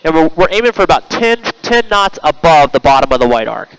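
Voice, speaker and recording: A man working as a flight instructor, calmly and encouragingly talking a student through maneuvers step by step over a cockpit headset. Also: fairly high pitch, brisk, smooth, poor audio. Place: small airplane cockpit in flight. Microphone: aviation headset intercom.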